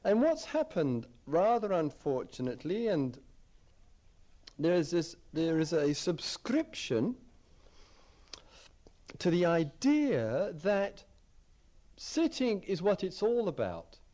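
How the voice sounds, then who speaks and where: Reflective male meditation teacher, lively pitch. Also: slow, long pauses. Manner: reflective, repeats phrases while searching for words. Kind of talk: dharma talk at a retreat.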